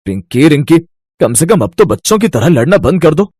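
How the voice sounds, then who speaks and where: Man playing a stern, worried young brother, cartoon, husky, lively pitch. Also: normal speed, no room sound, studio quality.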